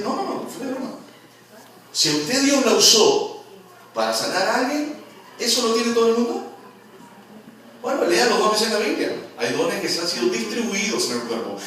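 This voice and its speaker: A man preaching a sermon in a church hall, lively and joking as he quizzes the congregation. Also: high-pitched, fairly quick. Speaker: pastor. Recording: very echoey hall, from far off.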